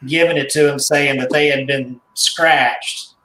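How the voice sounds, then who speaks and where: A man's voice: medium pitch, steady tone, sharp tone. Guy rambling on about his collection, lots of restarts, kinda echoey room, little hiss behind. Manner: rambling, halting with restarts and chuckles. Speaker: guest, haunted doll collector and author. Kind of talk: casual storytelling in radio chat.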